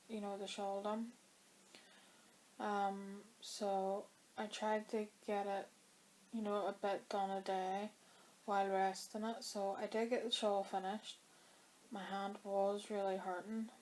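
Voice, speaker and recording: In a casual chat to camera, a woman talks rambly about her knitting, full of fillers, her throat dry from an oncoming cold. She has a medium-pitched, somewhat dark voice, and there's a little hiss or hum.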